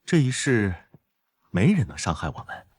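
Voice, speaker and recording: A husky, steady soldier husband, clipped and calm. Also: male voice, mid-range voice, moderate pace. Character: protective young husband, a tough ex-soldier.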